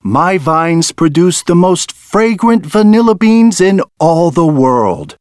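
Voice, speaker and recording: A man voicing a bright-eyed woman vanilla grower in a storybook, welcoming and gentle. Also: sits high, big pitch swings, takes it slowly, no echo, studio quality, pitched above the performer's own voice, exaggerated voice.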